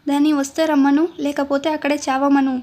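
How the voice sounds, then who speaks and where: A woman reading an irritable rich young husband in a storybook, curt and dismissive. Her voice stays high with little rise and fall. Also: little pitch movement, fairly quick, darkish tone, lightly acted.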